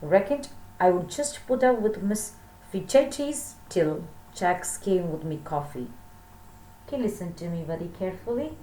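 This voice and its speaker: A woman in her thirties gives an English lesson to children in a small, plain indoor room, reading a text aloud and explaining it. She speaks deliberately, checking in with questions to her pupils, in a lowish, animated, mellow voice. The recording has a roomy echo and slight background noise.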